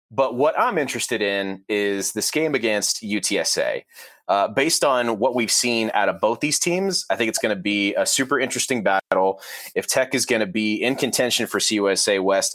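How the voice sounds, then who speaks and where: A man's voice: lowish voice, fairly bright tone, no echo. A man co-hosting a sports podcast, talking casually with frequent fillers. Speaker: podcast co-host.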